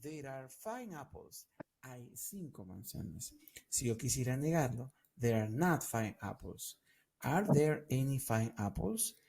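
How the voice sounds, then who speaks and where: Man, co-teacher, Spanish explanations, English examples, steady pitch. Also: slow pace, gravelly. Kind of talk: grammar explanation.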